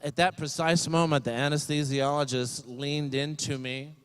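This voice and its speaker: An older man speaks into a podium microphone at a graduation ceremony, his voice smooth and resonant. He rambles through a comic commencement speech, mocking himself and filling his pauses with ums and uhs. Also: fairly high pitch, steady tone. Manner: rambling, self-deprecating, many fillers.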